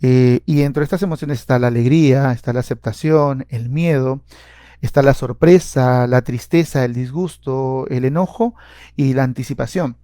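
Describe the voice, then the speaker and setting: Man, lecturing warmly. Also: mid-range voice, normal speed, no echo, studio quality. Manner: explanatory, repeats words and fills with "eh". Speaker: clinical psychologist and seminar speaker. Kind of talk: seminar lecture.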